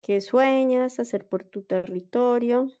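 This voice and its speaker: This woman's voice is fairly high, slow and warm. A teacher from Bogotá, Colombia, she patiently breaks down an assignment for her online class, checking that everyone follows, and the video call sound is dull and lo-fi.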